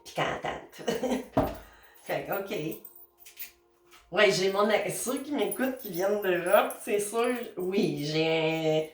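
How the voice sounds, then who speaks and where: A woman's voice: mid-range voice, lively intonation, takes it slowly, pauses often, soft background music. A woman with a Québécois accent doing a casual spiritual card reading, talking to her guides in a chatty, meandering way with many fillers. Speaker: tarot and oracle card reader. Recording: roomy and a bit distant, faint noise.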